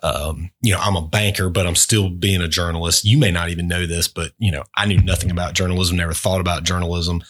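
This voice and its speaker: Deep-voiced man hosting a chat. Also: fairly even intonation, quick pace, few pauses, a bit bright. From Albany, Georgia. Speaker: interview host, banker. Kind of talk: casual interview chat.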